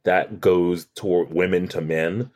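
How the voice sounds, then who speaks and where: Low-voiced man chatting on a podcast. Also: fairly even intonation, a little slow, a little mellow. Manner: chatty, analytical, many restarts and quoted lines. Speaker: podcast co-host. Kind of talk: casual chat recapping a TV episode.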